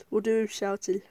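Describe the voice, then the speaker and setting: In a mellow, mid-range voice recorded without echo, a woman chats casually with her audience during a game. As a gaming video creator, she giggles often and talks through each step of her play.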